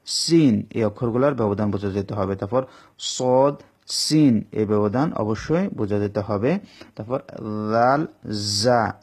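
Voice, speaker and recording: A man teaching an online class on reciting scripture, explaining in a patient, methodical way with frequent hesitations and slowly sounding out single letters. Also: lowish voice, a little mellow. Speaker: Quran teacher. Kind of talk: recorded online class lesson.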